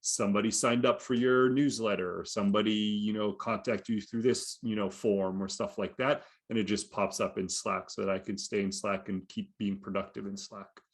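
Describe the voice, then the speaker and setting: Low-voiced man explaining at length. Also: level tone, normal speed, hardly any pauses, slightly rough. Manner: rambling explanations full of "you know" and "right?". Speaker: podcast co-host. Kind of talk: casual conversational podcast chat.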